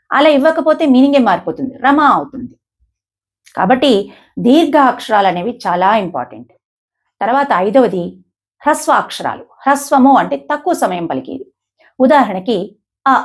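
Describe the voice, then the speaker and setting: A woman teaches how to pronounce shlokas, speaking deliberately and sounding out each example. Her voice is slightly husky and fairly high. Her pitch moves about a lot as she stresses the sounds. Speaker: advocate teaching shloka pronunciation. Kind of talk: explanatory lesson.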